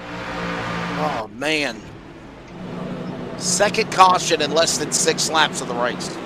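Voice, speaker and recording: Allergies have made this sim racing commentator hoarse, and his fairly high voice swoops wildly up and down. He delivers a rapid rundown of the running order as the broadcast's track noise roars in the background.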